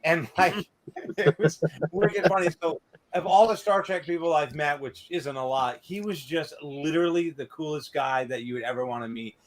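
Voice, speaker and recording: A man with a fairly high voice, speaking at a normal speed, hosts a podcast and tells casual, rambling stories. His anecdotes are packed with filler, especially tag-ons like "or whatever."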